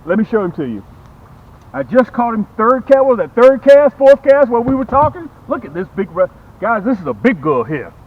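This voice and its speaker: The audio is narrow and tinny, carrying a very high-pitched, brisk male voice with big pitch swings. He hosts a fishing show outdoors, excitedly repeating phrases for emphasis while demonstrating and selling tackle.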